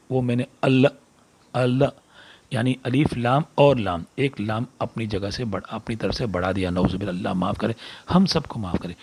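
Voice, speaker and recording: A man giving a video lesson on correct prayer recitation, slowly demonstrating words and sometimes dropping to quiet, breathy asides. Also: lowish voice. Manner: slow, careful demonstration of recitation. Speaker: religious teacher.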